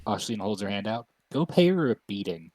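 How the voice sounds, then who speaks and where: Quick, low-voiced man at game night. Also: big pitch swings, darkish tone, dry recording. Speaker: tabletop game player. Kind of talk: casual chat.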